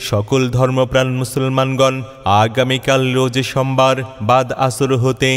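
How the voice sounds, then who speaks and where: A man with a Bangladeshi accent reading a scripted loudspeaker announcement in a declamatory, chanting cadence with drawn-out phrases. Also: medium pitch, monotone, smooth. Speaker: event announcer. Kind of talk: scripted loudspeaker advertisement for a religious gathering. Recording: long echoing reverb, faint music behind.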